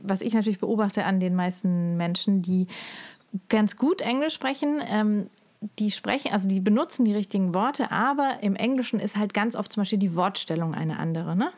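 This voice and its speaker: A woman co-hosts a relaxed podcast conversation. She laughs along easily and often pauses and restarts while searching for words. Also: mid-range voice. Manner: laughing, supportive, hesitant. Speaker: podcast co-host. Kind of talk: casual chat.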